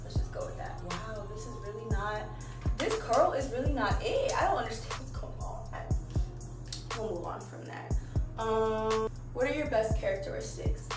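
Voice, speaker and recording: Her voice a little high and her pace moderate, a young vlogger from Maryland, USA, chats frankly at home as she curls her hair, laughing frequently and cursing casually. A phone camera held at a distance captures a roomy sound with music in the background.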